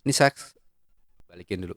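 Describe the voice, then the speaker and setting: A man's voice: fairly quick, no echo. A man hosting a casual product review in a playful, joking, chatty way. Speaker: host and gear reviewer.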